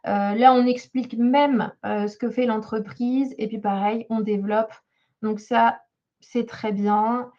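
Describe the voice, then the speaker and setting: A woman's voice: a little high, steady tone, a little slow. A woman job coach giving a webinar talk while reviewing a CV, hesitant, with many fillers and restarts. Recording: slightly dull lo-fi sound.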